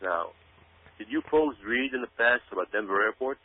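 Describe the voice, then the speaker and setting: Addressing listeners in a dramatic commentary monologue, this male guest repeats himself for emphasis, speaking at normal speed with an animated, medium-pitched voice. The recording sounds tinny and phone-like, like radio, with hum.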